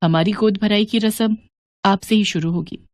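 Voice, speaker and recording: A woman voicing a kind young daughter-in-law who speaks respectfully and gently. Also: mid-range voice, fairly even intonation, normal speed, no room sound, close to an everyday voice.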